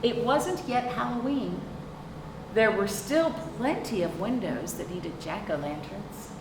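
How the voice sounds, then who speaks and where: At a children's storytime, a librarian reads a picture book to young kids without hurrying, her pitch swinging lively. She's expressive and turns to her listeners with questions. The sound is roomy, picked up by a distant microphone, with clear background noise.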